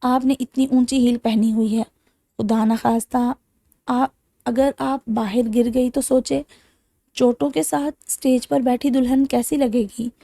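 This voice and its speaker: A woman's voice: fairly high pitch, flat delivery, pauses often, warm tone, no echo, studio quality, close to an everyday voice. A woman narrator voicing a playful young groom who teases in a mock-serious way. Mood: teasing.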